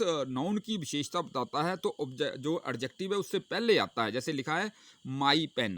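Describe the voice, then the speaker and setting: A man teaching English grammar in Hindi, asking questions and answering them himself, reading English example sentences slowly. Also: fairly high pitch, a bit bright. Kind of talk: explaining a grammar lesson.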